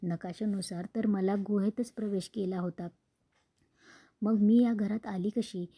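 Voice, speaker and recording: A woman's voice: medium pitch, steady tone, a little slow, mellow, slightly rough. A woman voicing a trapped young woman, puzzled and talking to herself.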